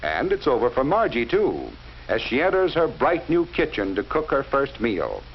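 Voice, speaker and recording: Speaking directly to the audience, a man delivers scripted narration for a 1940s educational film in a measured, explanatory way. His pitch swoops wildly up and down, and the muffled, lo-fi audio carries a faint hiss.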